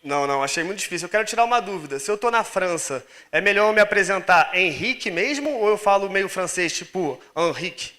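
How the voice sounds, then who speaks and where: A man's voice: high voice, lively intonation, fast talker, few pauses, sharp tone. A man with a Brazilian Portuguese accent giving a casual, joking live conference talk on stage and using lots of slang. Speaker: lecturer. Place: lecture stage with audience.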